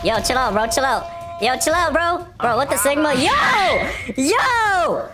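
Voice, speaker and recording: A man disguising himself with a voice changer to play a loud, excitable gamer while trolling on a voice call. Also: sits high, fairly quick, over loud music. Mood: hyped. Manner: hyped, shouty, repeats slang.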